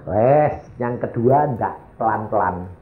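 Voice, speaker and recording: A man's voice: fairly low pitch, slow pace, reverberant, phone-quality sound. A male evangelist tells a story in a sermon, acting out each of its characters. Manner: animated, acts out the characters in his story.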